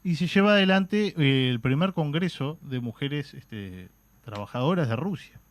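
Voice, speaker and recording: A man's voice: fairly high pitch, expressive, normal speed, no room sound. A man with a Uruguayan Spanish accent talking on a radio show. He explains things patiently, often stopping with "este" and "eh" before going on. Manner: explanatory, fillers like "este" and "eh", frequent restarts. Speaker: radio guest explaining history. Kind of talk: radio talk show chat. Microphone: studio microphone.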